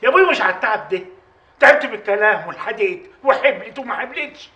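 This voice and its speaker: A weary, exasperated chief's son. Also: male voice, sits high, animated, fast talker, sharp tone, dull audio. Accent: Upper Egyptian. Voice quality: earnest, exasperated. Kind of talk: period TV drama acting.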